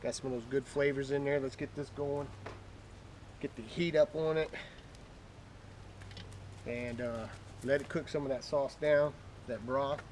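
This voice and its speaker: A man's voice: mid-range voice, fairly even intonation, a little slow, pauses often, a little mellow. Male cooking show host, casual, noisy recording. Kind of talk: casual cooking demonstration, talking through each step. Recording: clearly noisy background with clicks.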